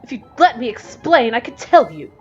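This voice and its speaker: Girl doing a flustered young woman, bit higher than normal, all urgent and exclaiming, muffled-ish. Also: very animated, normal speed, breathy edge, faint music behind. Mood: insistent. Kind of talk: game voice acting.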